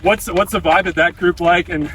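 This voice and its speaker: Male host, high bright voice, slangy casual questions delivered while running, slightly distant outdoor sound. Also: fairly even intonation, normal speed. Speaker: podcast host, interviewer. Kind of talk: casual interview chat. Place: outdoors on a run. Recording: distant mic, outdoor ambient noise.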